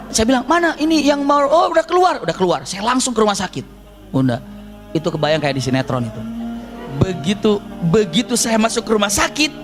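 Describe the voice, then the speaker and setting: A man preaching and telling a personal story in a lively, humorous way, acting out dialogue and making sound effects. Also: extremely high pitch.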